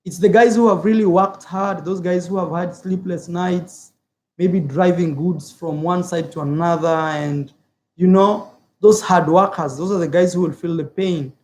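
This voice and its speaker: Reading through viewer comments in a casual opinion vlog, this African man speaks in a high, steady, slightly mellow voice at a somewhat slow pace. His YouTube delivery is sincere but repetitive and heavy with fillers.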